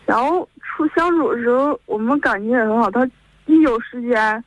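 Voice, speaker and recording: With a fairly high voice and a moderate pace, a caller in her twenties tells a rambling story in a Northeastern Mandarin accent, tying events together with "and then." The call-in audio is dry and passes through a dull, lo-fi telephone line.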